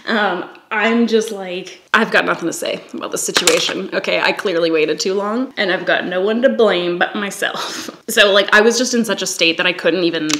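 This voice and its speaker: A woman's voice: mid-range voice, normal speed, few pauses, noisy background. Woman telling a story, echoey room. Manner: swears freely, laughs often, lively. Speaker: vlogger. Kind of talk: casual storytelling.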